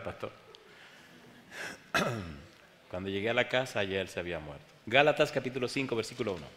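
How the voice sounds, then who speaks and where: A man preaching a sermon, telling a story with sudden shouts and hushed asides, speaking to his congregation. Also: mid-range voice. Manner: dramatic, swings from loud cries to hushed tones, addresses congregation. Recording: echoey hall with faint noise.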